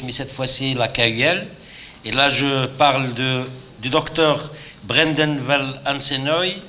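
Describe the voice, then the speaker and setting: A man's voice: medium pitch, pushed and bright. A middle-aged man moderating a conference session, formally introducing speakers. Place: large conference auditorium. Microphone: podium microphone. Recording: faint noise in auditorium.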